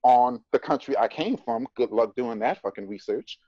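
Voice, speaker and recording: A man's voice: mid-range voice, moderate pace, dark tone, no room sound. A man in his thirties from the United States, a podcast guest talking bluntly and emphatically, with profanity and sarcastic retorts, from a phone at home on a video call. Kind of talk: candid conversational interview. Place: indoors at home. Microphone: phone front camera on a video call. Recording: dry, slightly dull video-call audio.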